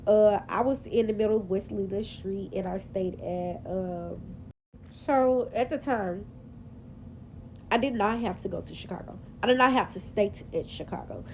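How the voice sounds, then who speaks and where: Chatty woman with a mellow voice. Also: medium pitch, slight background noise, rough recording. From Memphis, Tennessee, US. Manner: chatty, sassy, rambling with fillers. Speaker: vlogger. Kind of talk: casual confessional vlog. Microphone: phone camera.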